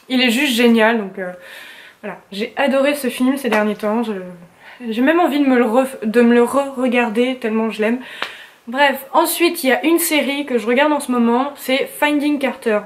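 Young woman, vlogger, gushing chatty talk, slightly high voice, casual slang, indoors at home. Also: moderate pace. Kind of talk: casual chat about favorites.

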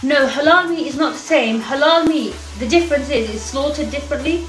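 A woman's voice: sits high, fairly quick, recorded from a distance. A young woman from the UK with a British accent, chatting playfully on a home cooking livestream and calling viewers darling. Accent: British English. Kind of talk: live cooking chat, reading viewer comments. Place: home kitchen. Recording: roomy kitchen echo. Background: faint music and frying sizzle.

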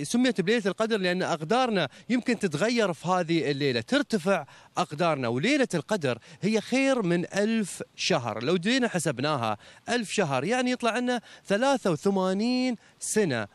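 Lively high-voiced man hosting. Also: no room sound. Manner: lively, teasing, chatty with children. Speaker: TV show host. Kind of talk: religious talk and quiz with audience. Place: outdoor mosque courtyard.

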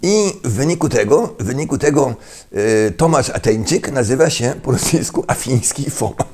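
An older man giving a lecturing monologue, halting with fillers and restarts and tossing in rhetorical questions. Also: medium pitch, animated, a little mellow. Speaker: political commentator.

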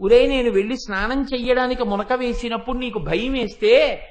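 A man's voice: extremely high pitch, fairly quick. A man voicing a worried father who earnestly coaxes his small son, within a devotional story. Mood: coaxing.

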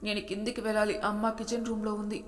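A timid, childlike young wife who stammers when she is scared, as a woman storyteller puts her on. Her mid-pitched voice stays flat and level. Long hall reverb follows each line. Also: quick pace, natural voice. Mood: timid, pleading. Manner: hesitant, stammering.

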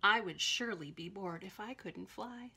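A woman voicing a small, proud hummingbird in a storybook, lively and slightly boastful. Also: mid-range voice, moderate pace, slightly rough.

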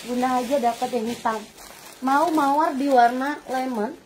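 A woman's voice: high-pitched, normal speed, a little hiss or hum. A woman presenting dresses in a clothing shop during a playful live-selling video, laughing often and calling her customers "Bunda". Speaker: online clothing seller.

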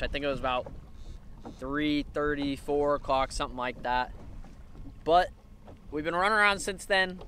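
A man's voice: on the high side, sharp tone, slight background noise. A man in his twenties vlogging casually from a fishing boat on a lake, talking loosely to viewers he calls folks. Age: 20s. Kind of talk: casual on-the-water vlog. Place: outdoors on a bass boat on a lake. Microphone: camera mounted on the boat, close framing.

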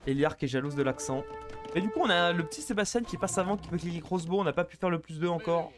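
Fast excitable esports caster. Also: male voice, on the high side, over music. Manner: excitable, fast, chatty, banters with chat. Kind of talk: live game commentary.

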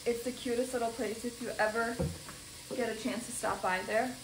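A young woman narrates her home cooking in a casual, rambling way, filling pauses with ums. Her voice sits a little high. The sound is echoey, with loud frying and sizzling behind her. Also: steady tone. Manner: chatty, self-narrating, with frequent ums. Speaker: cooking vlogger. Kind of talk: casual cooking vlog chat. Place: home kitchen. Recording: echoey kitchen with sizzling noise.

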